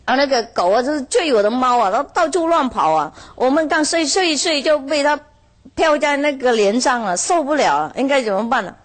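Lady putting on a whiny stressed-out farmer guy, pitched up a bit, pleading and fed up. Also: animated, fairly quick. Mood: exasperated. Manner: pleading, exasperated complaining. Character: frazzled middle-aged male farmer, whiny, overwhelmed.

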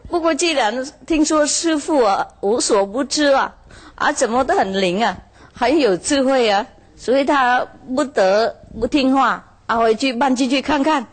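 A woman's voice: sits high, normal speed. A woman voicing a frazzled, overwhelmed male farmer who complains and pleads in a raised, exasperated voice.

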